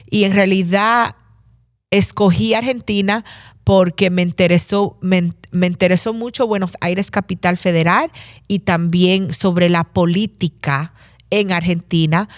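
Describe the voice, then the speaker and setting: A woman's voice: medium pitch, no echo, studio quality. A young woman from Massachusetts giving an interview, speaking thoughtfully with many fillers and restarts. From Massachusetts, USA. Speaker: guest. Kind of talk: conversational interview.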